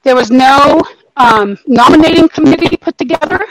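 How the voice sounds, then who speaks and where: Loud high-voiced woman on a crackling mic. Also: moderate pace. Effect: crackling, overloaded microphone. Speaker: meeting participant. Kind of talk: casual discussion in an online meeting. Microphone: very sensitive mic held too close.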